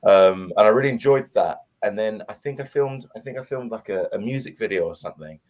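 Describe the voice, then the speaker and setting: A man's voice: fairly low pitch, fairly quick, a little mellow. A man, an actor guest in an interview, out of breath and friendly, self-deprecating.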